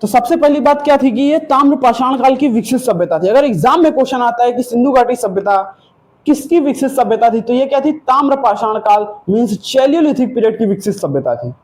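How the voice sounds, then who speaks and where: A man's voice: very high voice, animated, fairly quick. A male teacher giving an exam-prep history lesson, telling it as a story and asking and answering his own questions.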